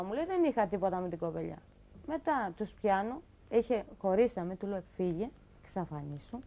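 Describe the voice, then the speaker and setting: A young woman guest on a talk show, telling her own story in an animated way and acting out the dialogue she quotes. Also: mid-range voice. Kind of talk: emotional personal account on a talk show.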